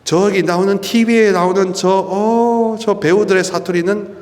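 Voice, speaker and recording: The long reverberation of a church hall surrounds this middle-aged priest as he gives an energetic prayer-meeting sermon in a charismatic style. He has a slightly high voice and preaches emphatically, posing rhetorical questions and lengthening his stresses.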